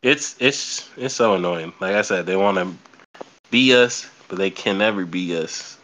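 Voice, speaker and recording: A young man hosts a podcast in a deep, bright, forceful voice, speaking a little slowly. His casual talk is blunt, peppered with swearing, and he repeats words as he thinks.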